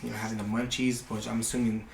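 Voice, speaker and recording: A man's voice: lowish voice, level tone, fast talker, gravelly, a little mellow. A young man telling a long, rambling, profane story in casual podcast chat. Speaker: podcast guest. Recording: echoey room with faint noise.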